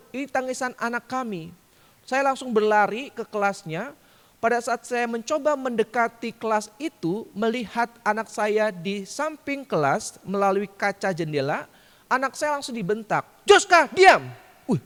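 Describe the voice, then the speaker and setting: A man preaching a sermon, telling a personal story and acting out the shouted lines he quotes. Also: high voice, lively intonation, normal speed. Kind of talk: sermon testimony. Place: large church hall. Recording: long church hall reverb.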